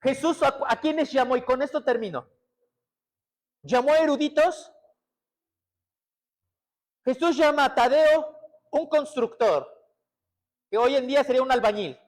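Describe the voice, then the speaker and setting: A man preaching a sermon as pastor. He puts questions to the congregation and moves between urgent, stressed passages and hushed, intimate ones. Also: very high-pitched, measured pace, pauses often. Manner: emphatic preaching with many rhetorical questions to the congregation.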